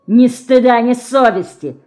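A woman voicing a rough, mocking teenage street boy who taunts and threatens, read in an audiobook. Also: mid-range voice, lively intonation, normal speed, darkish tone, natural voice. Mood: rude, mocking. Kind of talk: audiobook character reading.

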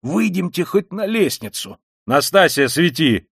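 A man reading an audiobook voices a drunk, excitable young man who shouts and blusters. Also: mid-range voice, normal speed, dry recording, clean studio sound, lightly acted. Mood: urgent.

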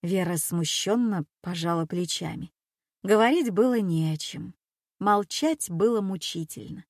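A woman narrating an audiobook in a calm, measured storytelling manner. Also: fairly low pitch, no echo, studio quality.

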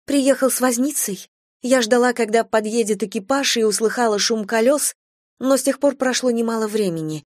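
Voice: medium pitch, moderate pace, no room sound, clean studio sound, voice pushed up, lightly acted. A reader voicing Bathsheba, a young woman in love, speaking tenderly and playfully in an audiobook. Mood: tender, eager. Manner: tender, eager. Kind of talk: audiobook character reading.

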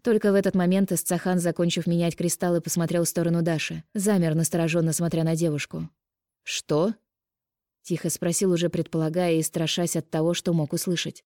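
A woman narrates a novel in a steady, measured reading voice. Her tone is low and warm, and the recording is dry and close with no room sound. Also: no room sound. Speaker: audiobook narrator. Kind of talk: scripted narration.

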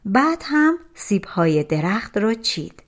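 A woman narrating a folk-tale audiobook with gentle, even storytelling. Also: medium pitch.

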